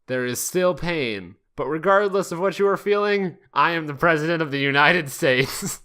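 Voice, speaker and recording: A man reading as Sonic, a bright-voiced, self-important hedgehog. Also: on the high side, animated, normal speed, clean tone. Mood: mock solemn. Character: Sonic, a male cartoon hedgehog, blunt self-important hero.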